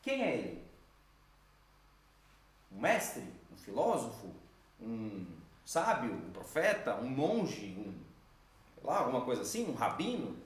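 A man preaching a sermon, telling stories in an animated way and acting out the voices he quotes. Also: mid-range voice, slow, long pauses, very echoey, distant mic.

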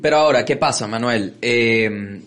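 A man's voice: mid-range voice, moderate pace, fairly bright tone. A young Venezuelan man co-hosting a comedy show, talking casually and acting out bits in put-on voices. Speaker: comedian co-host. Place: stage before live audience.

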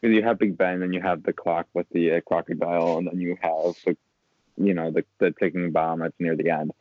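A man co-hosting a podcast, chatting about a movie and making quick jokes. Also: sits low, steady tone, no room sound. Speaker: podcast co-host. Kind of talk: casual movie discussion. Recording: tinny phone-like dry sound.

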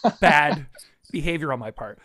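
A man hosting a casual interview, chatty and animated, full of "you know" and "right?". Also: on the high side, normal speed. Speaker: podcast host.

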